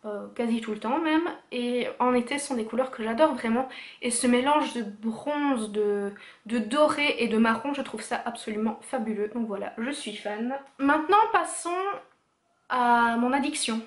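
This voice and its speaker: A woman's voice: fairly high pitch, moderate pace. A woman presenting a casual make-up haul vlog, chatty and enthusiastic, with frequent fillers as she shows her purchases to the camera. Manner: chatty and enthusiastic, full of "voilà" and "euh". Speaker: beauty vlogger. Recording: echoey room.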